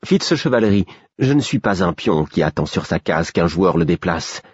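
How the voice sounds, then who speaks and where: A man's voice: low voice, big pitch swings, moderate pace, slightly rough, dry recording, dull audio, exaggerated voice. A man voicing a proud, lonely young queen who speaks firmly and earnestly, in an audiobook. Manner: firm, earnest.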